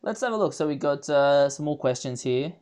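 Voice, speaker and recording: Young aussie guy hosting a live chat, kinda high voice, gets hyped easy. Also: brisk. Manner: excitable, lots of fillers. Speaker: host. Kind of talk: casual chat.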